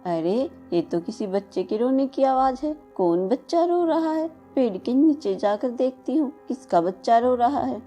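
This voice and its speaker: A kind, brave bulbul bird speaks gently and caringly, played by a woman. Her voice is fairly high and mellow. Faint music plays behind this storybook cartoon. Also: expressive, unhurried, hardly any pauses. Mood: gentle.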